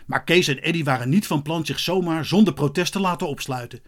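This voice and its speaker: A man reads a children's story aloud with lively expression, his voice sitting a little high for a man. He keeps the storybook narration brisk and engaged.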